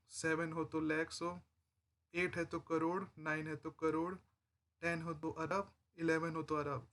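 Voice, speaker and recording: The voice is male, fairly high-pitched and fairly bright. He narrates a spreadsheet lesson in Excel informally, like a conversation, moving step by step and often asking in with the viewer.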